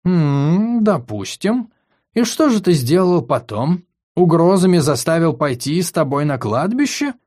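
A patient, soft-spoken healer who asks questions slowly and evenly, as a male audiobook reader puts him on. The voice is lifted a little above the reader's own. He is a doctor in a storybook fantasy. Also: on the high side, big pitch swings, pitched above the performer's own voice. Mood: gentle. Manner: gentle, measured questioning.

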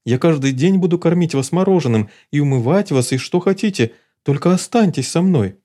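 Man doing shy young tomcat, hesitant, pleading, mellow. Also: fairly high pitch, expressive, brisk, voice pushed up. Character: timid young male cat, devoted and earnest.

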